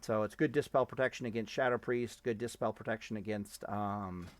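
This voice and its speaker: Brisk and fairly even in intonation, this male gaming streamer has a fairly low voice and the audio carries no echo. He talks casually and rambles about the game, cursing and breaking off mid-thought as he tests things.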